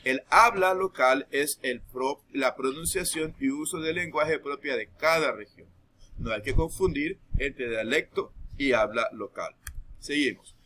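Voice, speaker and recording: A man teaching a recorded lesson, explaining patiently and checking understanding with quick asides. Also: medium pitch, bright, forceful tone, slight background noise.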